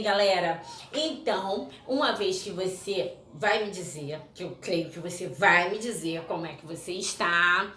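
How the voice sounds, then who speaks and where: A woman's voice: medium pitch, fairly bright tone. A woman, a Sunday school teacher giving a recorded Bible lesson and talking playfully and directly to preteens. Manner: upbeat, playful, talks directly to kids. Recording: echoey room with light hiss.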